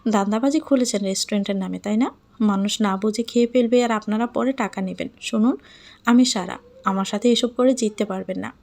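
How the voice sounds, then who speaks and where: A woman voicing a feisty, quick-tempered young heroine who argues indignantly in a storybook reading. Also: mid-range voice, vocal fry, darkish tone, close to an everyday voice.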